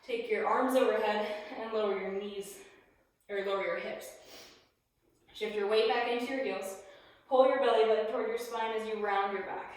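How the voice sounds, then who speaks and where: A woman leading a yoga class, giving calm step-by-step cues and sounding a little out of breath as she moves through the poses. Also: mid-range voice. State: slightly out of breath. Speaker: yoga instructor. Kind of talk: guided yoga class instruction. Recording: very echoey room.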